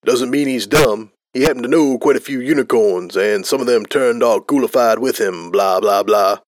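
A man's voice: mid-range voice, normal speed, dry recording, lightly acted. A man voicing a chatty male pony soldier captain who explains things in an offhand, rambling way.

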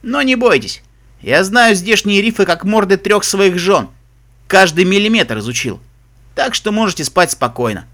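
Loud, swaggering and lively, this sly zebra captain brags and teases in a bright, animated voice, as a man puts him on. He sounds like a storybook seafarer sure of himself. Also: sits high, moderate pace. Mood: wry. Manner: boastful, joking. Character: gruff sly male zebra sea captain.

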